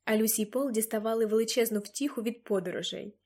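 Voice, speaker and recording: A woman's voice: a little high, quick pace, darkish tone, natural voice. A woman reading the lines of an elderly grandfather, earnest and a little guilty, in an audiobook.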